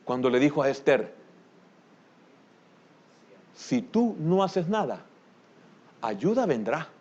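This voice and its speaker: Emphatic Salvadoran pastor, swinging loud and low. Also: male voice, big pitch swings, slow, slightly rough, highs cut off. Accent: Salvadoran Spanish. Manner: emphatic, rising to loud exclamations then dropping low. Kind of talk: sermon.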